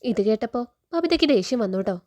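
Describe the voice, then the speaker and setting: A woman with a Kerala Malayalam accent tells a TV serial's story in a rapid, chatty flow. Her voice sits a little high but sounds mellow and soft. She tags friendly particles onto her sentences as she narrates. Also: lively intonation.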